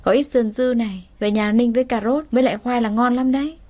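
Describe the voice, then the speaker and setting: A woman's voice: a little high, fairly even intonation, fast talker, lightly acted. A good-hearted market butcher woman of middle age, voiced by the female narrator in near her own tone. She teases and fusses in a motherly way. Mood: kindly teasing. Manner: warm teasing, motherly.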